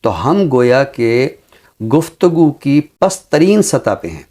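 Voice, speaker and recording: A man on a talk show lays out his views in a measured, earnest and deliberate style, with a literary turn of phrase. His voice is mid-range and warm in tone, and his pitch rises and falls dramatically.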